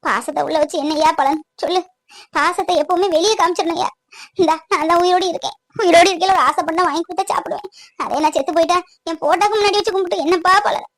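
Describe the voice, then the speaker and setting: A woman's voice: very high-pitched, fast talker, dry recording. A woman voicing an aging mother in a cartoon who tenderly pleads with her grown son to forgive his sister. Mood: pleading. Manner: tender, pleading, scolding gently. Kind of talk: cartoon voice acting.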